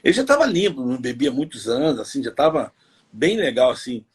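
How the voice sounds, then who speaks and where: A man's voice: medium pitch, big pitch swings, a little fast, slightly rough. A middle-aged man, a pastor, giving an earnest personal testimony in a live interview, telling stories with plenty of fillers. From Brazil. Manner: earnest storytelling with many fillers.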